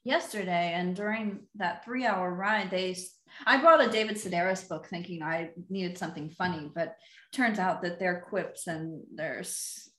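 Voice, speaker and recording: A woman's voice: lowish voice, normal speed, sharp tone, echoey room. A woman appearing as a podcast guest, telling stories in a chatty, easily amused way. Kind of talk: casual chat.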